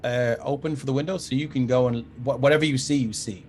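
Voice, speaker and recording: A man's voice: mid-range voice, steady tone, fast talker, darkish tone, slight background noise. A man running a tabletop game as game master, narrating casually to his players.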